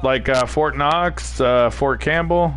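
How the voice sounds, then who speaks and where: Faint music sits behind a man of medium pitch who talks slowly in a clean, slightly bright tone. He is a New England live streamer giving casual commentary on a shooter, drifting between topics and reading chat aloud.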